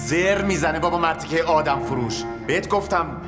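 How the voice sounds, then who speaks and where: A man's voice: a little high, long reverb tail, over music, close to an everyday voice. An actor playing a defensive man who brushes off his friend's anger. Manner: defensive, dismissive. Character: defiant young man brushing off blame. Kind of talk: TV drama acting.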